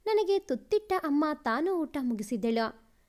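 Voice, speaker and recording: A woman reading a family story aloud in the first person, in a gentle, measured narration. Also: high-pitched, sing-song.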